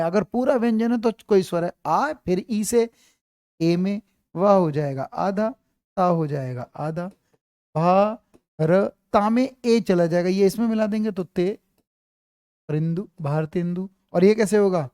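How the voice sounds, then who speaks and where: A man's voice: sits high, unhurried, darkish tone, clean tone, dry recording, studio quality. A man teaching an online grammar class, quizzing his students and repeating his questions.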